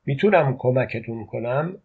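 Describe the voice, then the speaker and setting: A man reading a guarded antique dealer who keeps denying who he is, with a husky voice. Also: medium pitch, lively intonation, phone-quality sound. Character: wary antique dealer man hiding his past.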